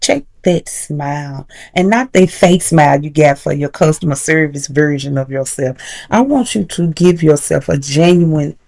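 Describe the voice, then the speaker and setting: A woman teaching confidence habits in a casual, encouraging way, slowing down to stress key points. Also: low-pitched, gravelly, warm tone. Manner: casual, encouraging, slows down for emphasis. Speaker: confidence coach. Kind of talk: motivational tutorial.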